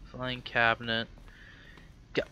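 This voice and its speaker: A man's voice: mid-range voice, completely flat delivery, slow pace, bright, forceful tone, smooth, lo-fi sound. A young man thinking aloud while he plays a game, musing and hesitant. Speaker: gamer. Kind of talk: let's play commentary.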